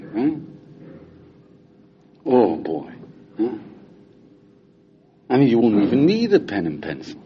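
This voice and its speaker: An older man, a rabbi, teaching a class of young men in a conversational, teasing way, often stopping to ask his listeners questions. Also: medium pitch. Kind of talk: informal lecture to students. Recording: dull lo-fi lecture recording with faint hiss.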